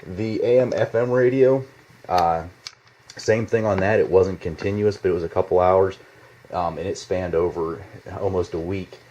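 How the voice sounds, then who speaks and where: In a home basement, a deep-voiced man reviews gear in a casual, unscripted demo, his dark-toned voice carrying a little hiss or hum. He speaks haltingly and rambles, swearing mildly, and the lo-fi home video audio sounds slightly dull.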